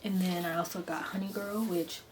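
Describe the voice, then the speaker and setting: A woman with a slightly low-pitched voice talks through books as a chatty, gushing reviewer. She is informal and enthusiastic, repeating words for emphasis. There is noticeable noise behind her voice. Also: fairly even intonation, moderate pace. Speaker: book reviewer and vlogger.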